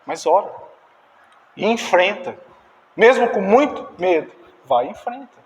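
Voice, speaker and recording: A man preaching a sermon in an animated way, acting out dialogue and directing the slides. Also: high voice, measured pace. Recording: distant reverberant church hall.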